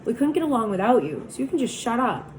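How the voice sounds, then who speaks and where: A woman voicing a cocky, tough but good-natured teenage boy with a forceful manner. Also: fairly high pitch, very animated, fast, a little hiss or hum, pitched above the performer's own voice, poor audio. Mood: fierce. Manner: forceful, scolding.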